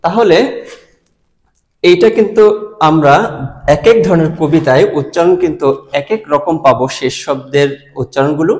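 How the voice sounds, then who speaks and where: Male lecturer, Bangladeshi Bengali accent, slightly high voice, patient step-by-step explainer, reverberant room. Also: normal speed, long pauses, darkish tone. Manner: explains step by step, asking and answering his own questions. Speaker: teacher. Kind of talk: recorded lecture.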